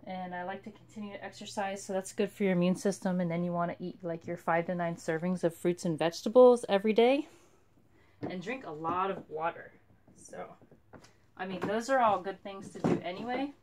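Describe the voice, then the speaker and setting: Low-pitched woman chatting casually, noisy recording. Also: darkish tone. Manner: rambling, unhurried, trailing off between phrases. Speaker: soap maker, video host. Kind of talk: casual chit-chat over a soap-cutting demonstration. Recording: clearly noisy home recording.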